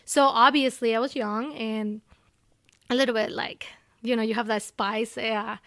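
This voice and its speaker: Ecuadorian woman, spanish accent, pretty high voice, dry close sound, chatty guest who says "like" a lot. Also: unhurried, no room sound. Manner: animated, frequent fillers like "you know" and "like". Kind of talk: casual interview conversation.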